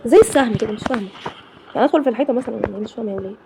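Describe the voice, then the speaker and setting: A woman's voice: a little high, very fast, gravelly. A young Egyptian woman with an Egyptian Arabic accent, giving jittery, exasperated commentary on a horror game as she talks to her viewers. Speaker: gaming YouTuber. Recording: loud background noise and clicks.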